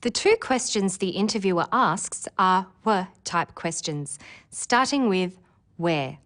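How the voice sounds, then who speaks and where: A woman presenting an English exam preparation lesson in clear, careful scripted narration. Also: medium pitch, expressive, takes it slowly, a bit bright. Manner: clear, careful delivery with demonstrated intonation.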